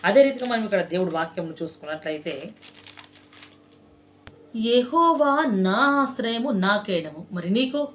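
Woman preaching with emphatic drawn-out chants. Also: mid-range voice, lively intonation. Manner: slow emphatic chanting of scripture phrases, swelling then dropping soft; repetitive exhorting address to the listener. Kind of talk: sermon.

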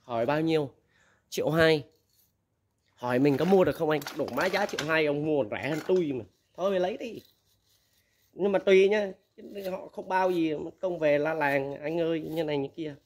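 A man's voice: a little high, normal speed, a little hiss or hum. A man, casually giving blunt, candid advice as a used machinery dealer, laughing often.

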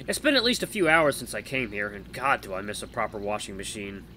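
A man reading a visual novel aloud as a let's play host, playful and animated in delivery. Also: fairly low pitch, a little fast, slight background noise.

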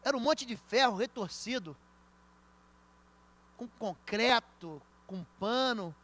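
Very high-voiced Brazilian pastor preaching. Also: male voice, animated, slow pace. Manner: emphatic preaching, swinging between loud and soft; storytelling, addressing the congregation directly. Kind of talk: sermon. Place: church.

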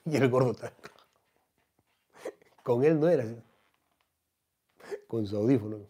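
A man comedian with a Peruvian accent, telling a comic anecdote in a slangy, animated way. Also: medium pitch, unhurried, slightly rough. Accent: Peruvian Spanish. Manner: slangy, animated, acts out the voices.

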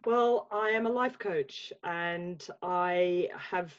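A woman in her sixties from England, a life coach, speaks reflectively as a guest in a casual video-call interview, restarting often. Her English-accented voice is fairly low and slow, picked up by a laptop webcam mic in a home room with bookshelves, with the highs cut off.

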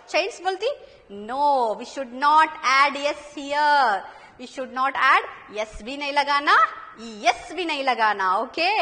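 A high, very animated woman with an Indian accent teaches children in a slow, deliberate classroom manner. She spells words out and keeps checking whether they follow. Her voice is bright and carries a long echo from the room. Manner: explains slowly, repeats words, spells letter by letter, asks children questions. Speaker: primary school English teacher. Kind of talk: classroom lesson in Hindi-Urdu and English.

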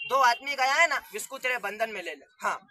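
A young man performing as a street magician, barking patter loudly at a gathered crowd outdoors. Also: extremely high pitch, fairly quick, a little hiss or hum. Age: young adult.

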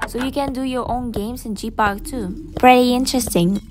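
High-pitched woman, scared horror game streamer. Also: steady tone, moderate pace. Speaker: gaming streamer. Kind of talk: horror game playthrough commentary. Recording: music behind the voice.

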